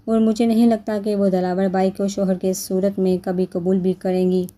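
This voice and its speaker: A woman's voice: medium pitch, little pitch movement, dark tone, natural voice. A woman voicing a sincere young man who speaks to his mother in an earnest, concerned way. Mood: worried. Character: worried, sincere young man, a caring son.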